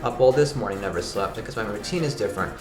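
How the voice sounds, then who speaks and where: Here a man with a low-sitting voice talks fast and animatedly to his vlog viewers, rambling and going back over phrases he keeps restarting. He refers to himself in the third person as grandpa. He's in a sparsely furnished apartment room that echoes, with music in the background.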